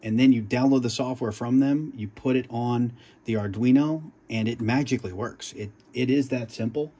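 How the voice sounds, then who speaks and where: A man's voice: medium pitch, normal speed, dark tone, husky. A man casually walking through his home flight sim cockpit, rambling and restarting his sentences. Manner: rambling, with many fillers and restarts. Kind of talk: casual show-and-tell walkthrough.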